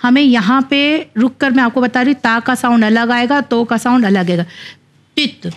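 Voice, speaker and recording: A woman teaching a Quran reading lesson. She spells out each letter and vowel, then blends them into slow, drawn-out recitation. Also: a little high, fairly even intonation.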